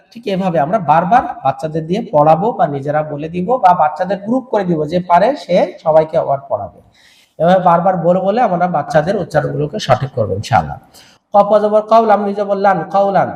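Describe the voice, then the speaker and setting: A man's voice: high-pitched, a little mellow. Man teaching Quran recitation, echoey room. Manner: spells out and drawls words slowly, repeating them. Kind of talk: tajweed lesson for teaching children.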